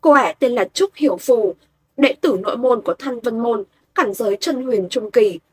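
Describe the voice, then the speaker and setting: High husky woman narrator. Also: moderate pace, dry recording. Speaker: audiobook narrator. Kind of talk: scripted narration.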